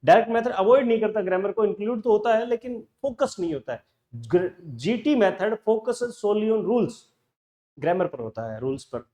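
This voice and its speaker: Male English teacher with a Rajasthani Hindi accent and a high voice, talking casually through test answers. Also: expressive, mellow. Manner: reads options slowly, then explains in a quick conversational mix of Hindi and English. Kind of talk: solving a test paper in a lecture.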